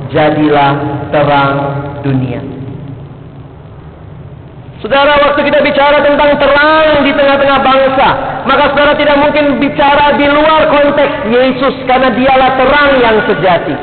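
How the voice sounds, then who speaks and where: A man with a high voice delivers a sermon, climbing to emphatic peaks and dropping to quiet asides. He is heard in a large, echoing hall with a long reverb. The sound is thin and phone-like. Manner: rises to emphatic peaks and drops low, acts out street characters. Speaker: preacher. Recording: echoey hall, phone-like band.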